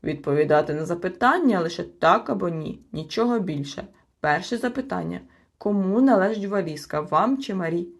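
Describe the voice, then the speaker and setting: A woman's voice: fairly low pitch, expressive, a little fast. A woman voicing a stern, self-important male storybook creature who acts as a judge, speaking in a clipped, officious way.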